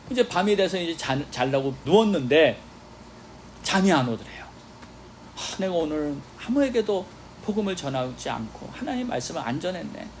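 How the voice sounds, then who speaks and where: A man's voice: fairly high pitch, a little hiss or hum. A male pastor preaching a sermon, telling stories with quoted dialogue and calling for responses from the congregation. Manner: animated storytelling preacher with exclamations and quoted dialogue. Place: church sanctuary.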